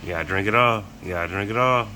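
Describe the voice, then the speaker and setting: Casting: woman with a very deep voice, playful host bantering with kids, casual and teasing, noisy home-video sound. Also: racing, pushed and bright. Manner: teasing, encouraging banter with children. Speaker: adult filming and hosting a kids' drink challenge.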